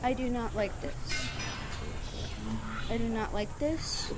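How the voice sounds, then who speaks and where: A woman with a high voice plays a character in a VR game, talking at a slow, drawn-out pace. She frets and groans dramatically as she goes. Loud music runs behind her. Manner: dramatic groaning and fretful exclamations. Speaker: VR gamer playing in character. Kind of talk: in-character game role-play.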